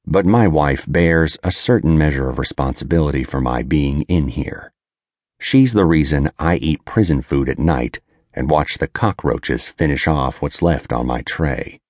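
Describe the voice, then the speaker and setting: A man's voice: rumbling low, unhurried, darkish tone, no echo, studio quality. A man narrating an audiobook in the first person, with a bitter, world-weary confessional manner.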